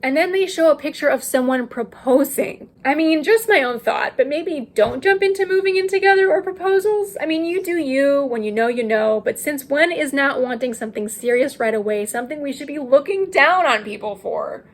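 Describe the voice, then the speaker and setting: A woman's voice: high-pitched, expressive, a little fast, few pauses. A woman giving a scripted commentary as a video host, projecting her voice to be heard over heavy rain. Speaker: video host and channel creator. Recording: clear rain noise behind voice. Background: rain falling overhead.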